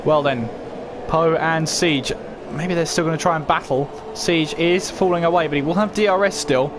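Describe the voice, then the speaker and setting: A man's voice: fairly high pitch, normal speed, background noise. A man commentating live on a motor race as a motorsport commentator, calling it play-by-play and posing questions as he goes. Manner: running play-by-play with rhetorical questions.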